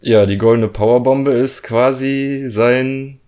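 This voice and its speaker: A man's voice: medium pitch, fairly even intonation, takes it slowly, mellow, clean tone. Hesitant, rambling German man. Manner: rambling, hesitant, laughs at own jokes. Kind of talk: casual film discussion.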